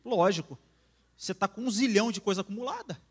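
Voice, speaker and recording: Brazilian male preacher, casual sermon voice, slightly high pitch, chatty then tender. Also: animated, quick pace, slightly rough. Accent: Brazilian Portuguese. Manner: conversational, acts out quarrels, drops to soft intimate tone. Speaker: singer preaching at church. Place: church.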